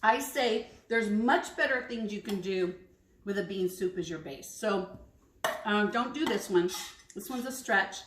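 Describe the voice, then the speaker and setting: A woman's voice: mid-range voice, measured pace, a bit bright, slight background noise. A woman taste-testing recipes in a casual kitchen vlog, chatty and frank with hesitant asides. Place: home kitchen. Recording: echoey kitchen, clinking dishes.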